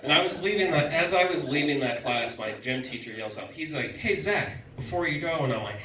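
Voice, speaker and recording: Young man doing loud stand-up. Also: on the high side, expressive, a little fast. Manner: loud, playful storytelling with tic outbursts. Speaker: stand-up comedian. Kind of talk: stand-up comedy set. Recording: echoey club, mic heard from a distance, noisy crowd.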